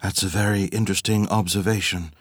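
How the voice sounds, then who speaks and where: Woman putting on a deep seductive courtly man. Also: steady tone, no echo, clean studio sound. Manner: soft, slow and formal.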